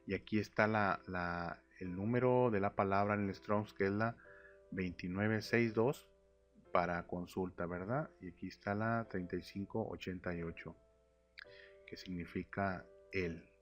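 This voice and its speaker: A man's voice: low-pitched, a little slow. A man teaching a narrated Bible slideshow lesson, reading verses aloud and then explaining them with fillers and restarts. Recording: lo-fi audio with faint music. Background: faint instrumental music.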